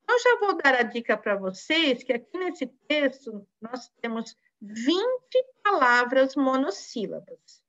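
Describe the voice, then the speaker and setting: A woman teacher with a Brazilian Portuguese accent talks slowly and patiently to young children in a recorded online lesson. Her voice sits a bit high and moves up and down a lot. The sound is somewhat dull and lo-fi. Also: sing-song, a bit bright. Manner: slow, patient, encouraging, with many diminutives. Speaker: primary school teacher.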